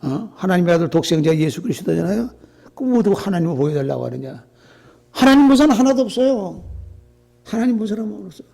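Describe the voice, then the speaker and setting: Man, pastor, sermon, high voice, gravelly, emphatic rhetorical questions. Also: big pitch swings, fast, warm tone, soft background music.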